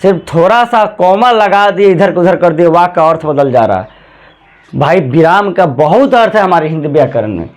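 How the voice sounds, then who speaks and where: A man's voice: on the high side, animated. A man teaching grammar in a classroom lecture, repeating points and often calling his students "bhai". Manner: repetitive, drawn-out explanations with frequent "bhai".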